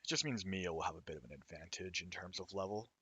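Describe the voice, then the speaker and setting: Hoarse man, deep voice, bright edge, rambling game commentary. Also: fast talker, soft background music. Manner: rambling, explanatory, casual. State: hoarse, raw throat. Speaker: indie game developer. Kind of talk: let's-play commentary.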